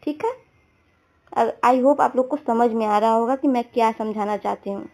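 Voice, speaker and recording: A woman's voice: fairly high pitch, moderate pace, darkish tone. A woman teaching exam prep, talking through answer options, often checking understanding with everyday examples. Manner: repeats "theek hai" to check understanding. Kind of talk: explaining exam questions.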